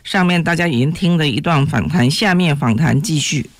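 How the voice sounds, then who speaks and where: A woman's voice: low voice, moderate pace, dry recording. A woman radio host giving a scripted programme introduction.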